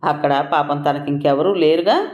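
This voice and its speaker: A man's voice: fairly high pitch, moderate pace, darkish tone, highs cut off, lightly acted. A storyteller voicing a troubled middle-aged father who speaks earnestly and reproachfully to his son. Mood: sad. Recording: roomy echoing room.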